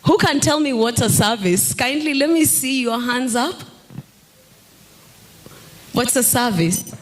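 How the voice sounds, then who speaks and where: On a summit panel stage, a woman in her thirties holds a handheld mic and coaches the crowd on personal branding, drawing them in with questions. She sounds fairly high with lively intonation and an unhurried pace, and there's slight background noise.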